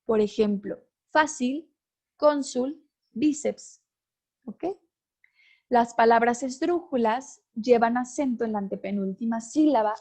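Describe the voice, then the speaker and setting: Woman teacher, fairly high and mellow voice, patient explanatory lecture that keeps checking in with the class. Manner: explanatory, often checks in with listeners.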